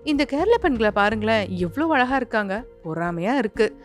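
A calm, secretive young man with a gentle, reassuring way of talking, read by a woman. The voice is fairly high, with faint music behind it in an audio story. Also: normal speed.

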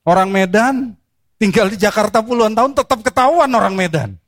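Male preacher, sermon delivery, animated and emphatic, close and dry. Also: high-pitched, a little fast, no room sound. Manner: animated, with rhetorical questions and sharp emphasis.

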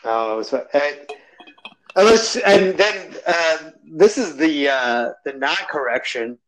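A man's voice: on the high side, lively intonation, slow. A man co-hosting a podcast in casual chat, joking around and laughing often. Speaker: podcast co-host.

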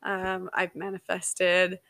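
A woman's voice: on the low side, completely flat delivery, takes it slowly, fairly bright tone, no echo, clean studio sound. Chatty young woman, giggly podcaster. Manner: chatty and giggly, filler-heavy. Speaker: podcast host. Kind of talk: casual storytelling monologue.

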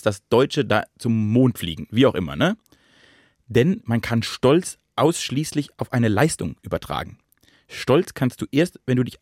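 Male podcast co-host, mid-pitched, thoughtful talker working through ideas aloud, dry booth sound. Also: no echo. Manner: reflective, reasons things out at length with restarts. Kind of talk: casual podcast chat.

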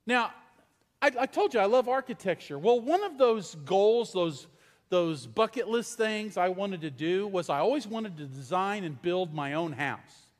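High-voiced pastor preaching in a reverberant hall. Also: male voice, animated, a little slow. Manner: conversational storytelling, asks the congregation questions. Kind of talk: sermon. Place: large church hall. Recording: long reverb in a large church hall.

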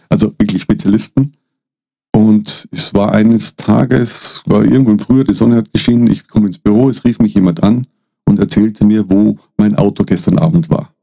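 Tiefer, knarrender Männerstimme, gedämpft und rau. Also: male voice, lowish voice, vocal fry, mellow, breathy edge, no echo. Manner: halting, frequent restarts and fillers. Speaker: guest, data protection consultant. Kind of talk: casual podcast storytelling.

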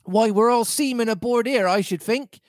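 A man's voice: extremely high pitch, moderate pace, no echo, studio quality. A man voicing an eager, naive young sailor lad in a storybook.

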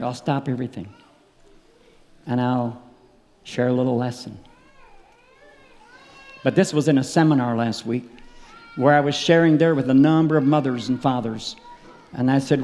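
A middle-aged man preaching a sermon, telling personal stories and acting out the voices of the people in them, growing louder and more urgent. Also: medium pitch. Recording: long hall reverb.

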